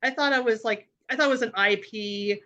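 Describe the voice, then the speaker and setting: A woman's voice: fairly high pitch, fairly quick, sharp tone, lo-fi sound. A woman co-hosting a podcast chat, hesitant, repeating words as she thinks aloud. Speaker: podcast co-host. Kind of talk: casual panel chat.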